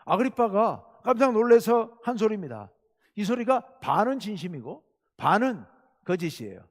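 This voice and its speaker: A male pastor preaching a Wednesday sermon, animated and acting out quoted lines with sudden loud bursts. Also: high voice, normal speed. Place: church sanctuary. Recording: church hall reverb.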